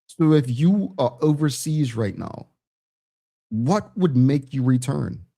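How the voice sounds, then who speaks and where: A man's voice: medium pitch, animated, takes it slowly, vocal fry, warm tone. A man with a heavy Bermudian accent, hosting a talk show and putting questions directly to his audience in a conversational way. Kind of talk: conversational audience discussion, reading out comments.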